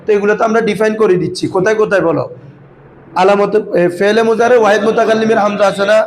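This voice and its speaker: Guy teaching arabic grammar class, highish voice, keeps quizzing the kids, light background hiss. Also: fairly even intonation, very fast, low-quality recording. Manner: questioning students, calling them baba. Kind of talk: classroom lesson.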